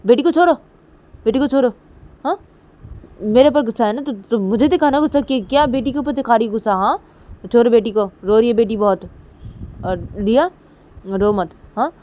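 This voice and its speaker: A woman's voice: a little high, fairly quick, dark tone, voice pushed up, close to an everyday voice. A woman voicing an anxious young woman who urgently pleads with her partner. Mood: pleading.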